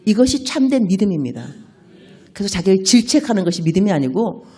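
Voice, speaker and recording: A middle-aged woman missionary preaches at a revival meeting, her voice sitting in a middle range. She tells stories and acts out the characters' lines, so her pitch swings widely. The delivery is warm toward the congregation and full of vivid dialogue. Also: fast talker, breathy edge. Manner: animated, acts out quoted dialogue in shifting voices. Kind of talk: revival sermon with storytelling.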